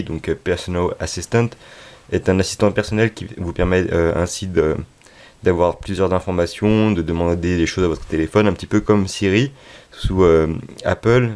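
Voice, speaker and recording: A man presenting an app tutorial off the cuff, with a hesitant delivery and frequent pauses. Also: deep voice, a little mellow. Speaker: tech video presenter. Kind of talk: unscripted app tutorial narration.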